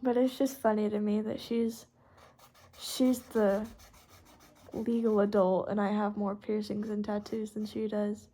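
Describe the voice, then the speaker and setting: A teenage girl from Texas, United States, hosts a podcast, rambling informally in a youthful, casual way while she colors, with pencils and markers scratching on paper in the background. Her voice is mid-range, warm and level, and a little slow.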